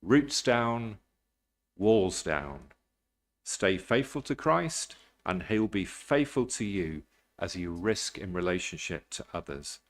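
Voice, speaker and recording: Low man, churchy speech, slow and measured. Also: big pitch swings. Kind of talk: formal address.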